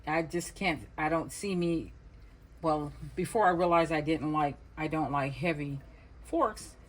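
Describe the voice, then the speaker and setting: A woman's voice: sits low, fairly even intonation, a little slow. A woman casually narrating her home cooking vlog, thinking aloud in an informal way. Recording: noisy home recording with clicks.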